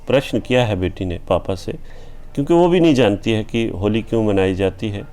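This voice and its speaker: A man from India who hosts a channel, reciting his own poem with repeated refrains and then talking about it plainly, pausing on "a" fillers. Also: lowish voice, dark tone. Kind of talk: poetry recitation with spoken commentary.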